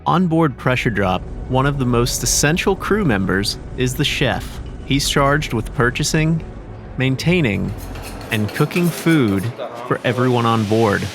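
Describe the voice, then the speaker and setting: A man's voice: mid-range voice, animated, a little slow, over music. A man reading scripted documentary narration.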